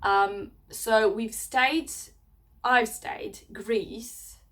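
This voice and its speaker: A woman's voice: fairly high pitch, steady tone, drawn-out words, fairly bright tone. Rambling woman vlogger from Serbia. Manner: rambling, many fillers and restarts. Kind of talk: casual chat to camera.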